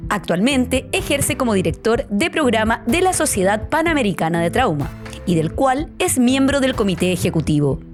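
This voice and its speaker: A woman reading a guest's biography aloud as co-host. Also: fairly high pitch. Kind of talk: read introduction.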